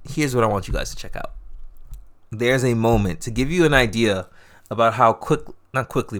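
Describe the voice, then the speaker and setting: A man co-hosting a casual podcast, talking about a TV show. He swears often and jumps into voices as he retells scenes. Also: on the low side. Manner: profane, animated retellings of scenes. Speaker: podcast co-host. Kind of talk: casual TV review chat.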